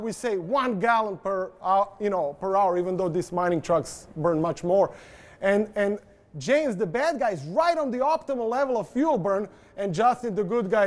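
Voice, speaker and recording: A man's voice: high voice, darkish tone. A man presenting at an industry event, speaking informally and joking with the audience. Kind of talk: conference presentation.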